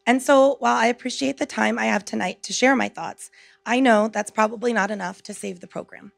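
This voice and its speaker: A woman, a teacher, reading a prepared public speech in an earnest, measured, articulate way. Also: fairly high pitch, steady tone, gravelly, no room sound. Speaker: teacher speaking at a school board meeting. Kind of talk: prepared speech read aloud.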